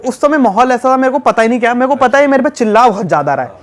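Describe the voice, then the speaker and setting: A man from Delhi, a travel vlogger, telling a road-trip fight story in an animated, casual way. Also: extremely high pitch, rapid-fire. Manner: animated, acts out shouting in the retelling. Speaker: travel youtuber guest.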